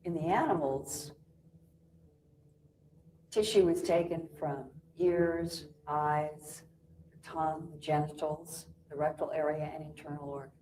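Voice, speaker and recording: A woman giving a measured documentary interview, her voice muffled and underwater-sounding from a poor stream of old tape. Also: deep voice, steady tone. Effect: muffled underwater-sounding audio from a bad stream. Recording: echoey old VHS tape playback with faint hiss.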